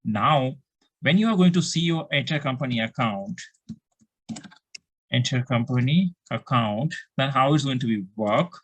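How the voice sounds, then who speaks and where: In a mid-range voice with lively intonation and a measured pace, a man with an Indian accent walks through an accounting lesson one step at a time. His style is to raise questions and answer them himself, with frequent repetition.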